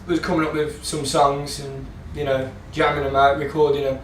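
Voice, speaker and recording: A man's voice: medium pitch, flat delivery, normal speed, slight background noise. A man telling a casual story about naming his band in a documentary interview. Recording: echoey room from a distance.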